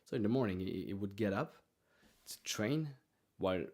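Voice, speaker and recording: Male podcast host, lowish voice, unscripted motivational delivery, halting and repetitive as he finds his words. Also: lively intonation, darkish tone. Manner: halting, repeats words while searching for phrasing. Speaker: martial arts podcast host.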